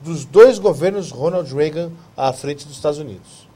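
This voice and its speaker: A man's voice: on the high side, moderate pace, dark tone, husky. A man hosting a talk show debate, putting a viewer's question to the guests. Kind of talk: moderating a debate.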